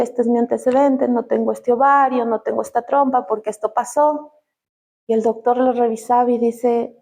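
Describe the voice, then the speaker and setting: A woman from Ecuador with an Ecuadorian accent, telling her personal faith testimony and acting out quoted dialogue in a raised voice. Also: dark tone. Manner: heartfelt, acts out quoted dialogue in higher voice. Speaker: church visitor giving testimony.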